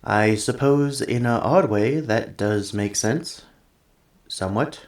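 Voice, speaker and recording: In a scripted, one-sided ASMR roleplay, a man plays a polite, earnest android tenant assistant who is gentle and curious. Through a robotic voice effect he speaks formally and precisely with literal-minded phrasing, sounding thoughtful and puzzled. His medium-pitched voice is slow, with a roomy sound.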